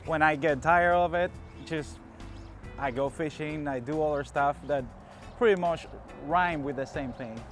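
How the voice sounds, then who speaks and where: A man in his thirties from Cuba with a slightly raised pitch answers easily and casually from a small boat outdoors. Faint music lies under the talk. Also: measured pace, fairly bright tone. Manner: laid-back, short replies. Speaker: guest angler. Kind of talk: casual chat.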